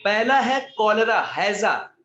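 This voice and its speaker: Guy teacher with a high voice rambling to students, jokey asides, roomy and kinda dull sound. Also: sing-song, takes it slowly, sharp tone. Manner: chatty, addresses students as beta, jokes and asides. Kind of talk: casual exam-prep lecture. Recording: echoey room, slightly dull sound.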